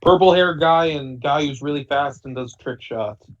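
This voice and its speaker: A man's voice: on the high side, moderate pace. A man co-hosting a casual podcast chat, joking and teasing the others. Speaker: podcast co-host. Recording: dull lo-fi audio.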